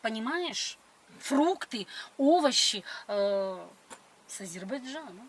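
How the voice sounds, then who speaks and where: A woman's voice: on the high side, animated, normal speed, fairly bright tone, slightly rough. A middle-aged woman chatting on a date in a grand, coquettish and condescending manner. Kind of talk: casual date chat. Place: inside a car. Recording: noisy car interior.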